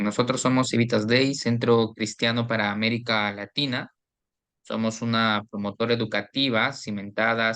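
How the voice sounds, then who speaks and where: A man hosting an online class, thanking the speaker and introducing the organisation in a formal, measured way. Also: lowish voice, fairly bright tone. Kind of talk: hosting a livestream.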